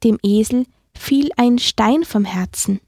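A woman gently narrating a children's Christmas story in a slow, storytelling manner. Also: fairly high pitch, no echo, studio quality.

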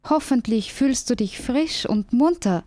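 A woman's voice: on the high side, a little slow, no echo, studio quality, voice pushed up. A woman voicing a cheerful little squirrel. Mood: eager, coaxing. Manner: bright, lively and coaxing. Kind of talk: children's radio story.

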